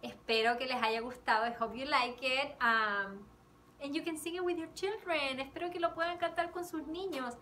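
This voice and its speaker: Teacher lady, bright high voice, slow and gentle, sounds a little far from the mic in a classroom. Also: slight background noise. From Chile. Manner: switches between Spanish and English, sings with ukulele. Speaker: kindergarten teacher. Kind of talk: bilingual song lesson. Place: classroom indoors. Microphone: camera a few feet away.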